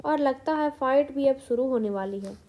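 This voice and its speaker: A woman's voice: high voice, moderate pace, mellow, lightly acted. A woman reading a bold young comic hero. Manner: plain storybook reading of a hero's lines.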